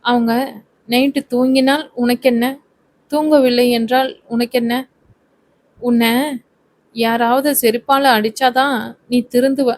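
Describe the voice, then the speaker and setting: A woman voicing a sharp-tongued young woman who scolds her reckless friend. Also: fairly high pitch, steady tone, measured pace, pauses often, lightly acted. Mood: scolding. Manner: scolding, sarcastic.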